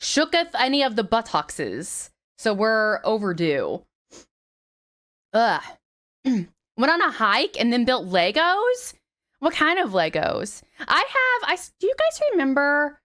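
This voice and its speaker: Over a headset mic, a chatty woman streamer greets viewers in casual stream chat, her fairly high voice slightly raspy after the flu. She takes it slowly, swears freely and gives animated greetings.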